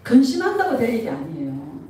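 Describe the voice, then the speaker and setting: Woman pastor, middle-aged, animated sermon, frequent laughter, high lively voice, echoey church heard from a distance. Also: brisk. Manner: animated, laughing often, asks the congregation questions. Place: church sanctuary.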